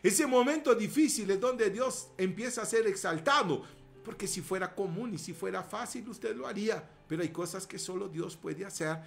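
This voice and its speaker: A man preaching a sermon with emphasis, swinging between hushed asides and loud declarations and calling the congregation to repeat after him. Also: high-pitched, moderate pace, gravelly, soft background music. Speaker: pastor.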